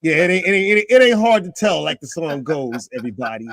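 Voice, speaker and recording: A man in his fifties hosting a casual talk show, animated, his pitch climbing when he gets excited. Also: quick pace, no room sound. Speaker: podcast host.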